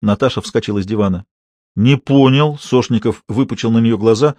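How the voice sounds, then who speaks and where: A man reading an audiobook chapter as narrator in an expressive, measured way. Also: fairly low pitch, no room sound. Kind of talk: scripted narration.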